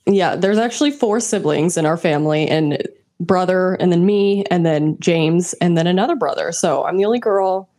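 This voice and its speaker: A woman of thirty, a podcast guest, chatting in a bubbly, quick way. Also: on the low side, mellow. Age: 30s. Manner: bubbly, quick, laughs often. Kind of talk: casual chat.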